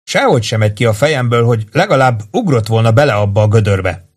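A man's voice: mid-range voice, lively intonation, close to an everyday voice. A man reading an audiobook voices a chatty, rattled male army driver.

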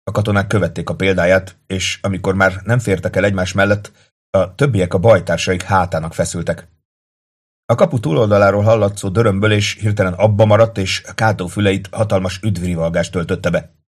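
A man reading a war novel aloud as narrator, steady and dramatic. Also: sits low. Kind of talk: audiobook narration.

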